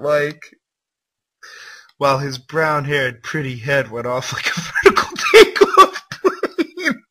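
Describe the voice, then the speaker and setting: Reading a fan story live on stream, a man with a mid-range voice that's bright, forceful and a bit rough performs it theatrically while ridiculing it. He breaks into laughter and adds disbelieving asides; the audio is poor.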